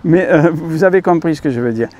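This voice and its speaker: A man's voice: fairly high pitch, fairly quick, a little mellow, highs cut off. A man with a French accent hosting his own channel, talking in a rambling casual monologue full of fillers and self-corrections, calling viewers dear friends. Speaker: YouTube channel host.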